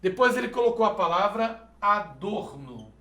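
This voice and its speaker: A man's voice: high-pitched, sing-song, moderate pace, sharp tone, echoey room. A male math teacher solving exercises step by step in a video lesson, checking in with the viewer as he goes. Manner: methodical, explains step by step, asks "perfeito?".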